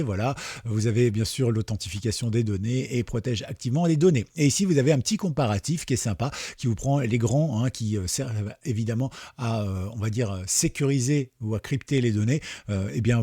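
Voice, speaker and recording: Casting: male tech host, casual and jokey, warm husky tone, dry close sound. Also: medium pitch, no echo. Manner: chatty, jokey, lots of fillers and asides. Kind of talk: casual screen-recorded tutorial.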